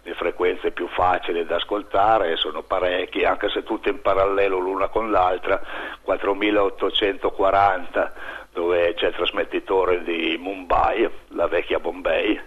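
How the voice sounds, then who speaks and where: A man's voice: sits low, little pitch movement, measured pace, a bit bright, husky. A man calling in over a landline phone to a radio show, giving an informative report and listing details steadily. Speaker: radio hobbyist correspondent. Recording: muffled telephone line.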